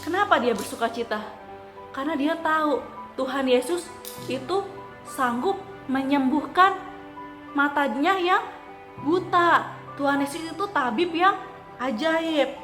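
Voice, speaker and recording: A woman teaching children at church, telling a story in an animated way and asking the kids questions. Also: sits high, a little slow, long pauses. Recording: echoey room with faint music.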